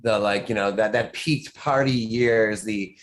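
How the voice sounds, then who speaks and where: A man's voice: on the low side, fairly even intonation, unhurried, low-quality recording. A man who writes horror, a podcast guest talking in casual chat, rambling and restarting his sentences often.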